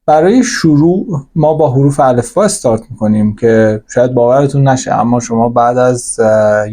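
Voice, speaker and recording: Man, language teacher, native persian speaker, mellow dark voice, patient explaining, slow repeated letters. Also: medium pitch. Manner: explanatory, repeats each letter slowly, frequent fillers. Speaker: German teacher. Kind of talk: spoken language lesson.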